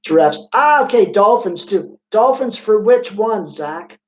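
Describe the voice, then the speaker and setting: A man's voice: high-pitched, expressive, measured pace. A male physics teacher giving an online class, chatty and playful, quizzing students by name. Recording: roomy, dull lo-fi sound.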